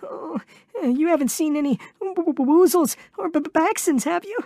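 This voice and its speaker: Tiny timid piglet, very high-pitched. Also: male voice, normal speed, mellow, no echo, studio quality. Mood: nervous. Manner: hesitant, stammering, fretful, polite. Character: Piglet, small timid, anxious, kindly male piglet. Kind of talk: cartoon video game character voice clips.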